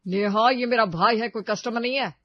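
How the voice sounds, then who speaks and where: A woman's voice: a little high, fairly quick, no echo, lightly acted. A woman voicing a young husband who pleads with and scolds his wife in exasperation. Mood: exasperated. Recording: dry, dull lo-fi with faint music.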